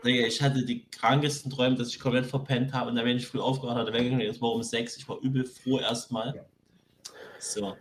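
A man's voice: mid-range voice, level tone, fairly quick, roomy sound, a little hiss or hum. A young man telling a rambling story in casual slang as a podcast co-host. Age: young adult. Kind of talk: casual chat.

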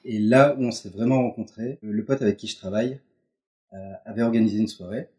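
A man's voice: on the low side, fairly even intonation, fairly quick, a little mellow. A man in his thirties, a guest telling stories loosely with lots of fillers, in a home setting. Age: 30s. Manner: loose, filler-heavy storytelling. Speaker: interview guest. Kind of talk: casual chat. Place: couple's apartment.

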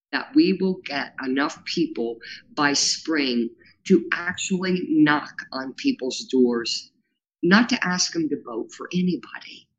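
A woman with a low-sitting, powerful voice is interviewed as a grassroots organizer in a casual conversation. She speaks earnestly and rambles, using plenty of fillers, and the sound quality is lo-fi.

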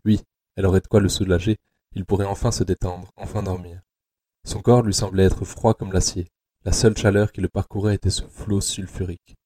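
Homme à la voix grave et voilée. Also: male voice, low-pitched, little pitch movement, warm tone, breathy edge. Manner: slow, measured, tense storytelling. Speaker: narrator. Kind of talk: dramatic audiobook narration.

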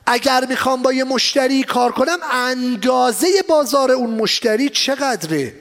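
A man with a strikingly high voice lecturing a seminar crowd on business. He talks in an animated way, firing off rhetorical questions and slipping English phrases into his talk. He sounds like a trainer at a live event in an exhibition hall. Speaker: export trainer.

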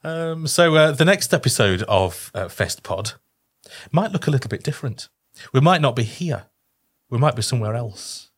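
A man's voice: medium pitch, expressive, normal speed, slightly rough. A British man hosting a podcast with casual, teasing banter. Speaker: podcast host.

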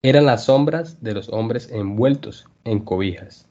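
A male language teacher reading a story aloud for learners, clear and measured. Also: medium pitch, dark tone. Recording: dull lo-fi podcast audio.

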